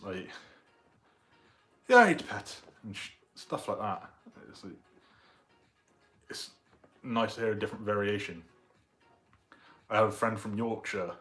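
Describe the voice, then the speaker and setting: Rambling Southern English man, low voice. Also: a bit bright. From England. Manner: rambling, loose, with many fillers. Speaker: live streamer. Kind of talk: casual live-stream chat.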